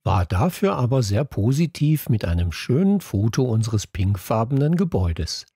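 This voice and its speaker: Husky, expressive male audiobook narrator. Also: medium pitch, dry recording, clean studio sound. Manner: expressive storytelling. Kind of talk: scripted narration for children.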